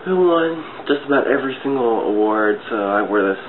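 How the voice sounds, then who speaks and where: A man with a cold talks through a makeup tutorial in a congested, stuffy voice, being informal, giggly, and loosely rambling. His mid-range voice moves briskly with lively intonation. The audio is muffled and phone-like, webcam-style, with clear noise.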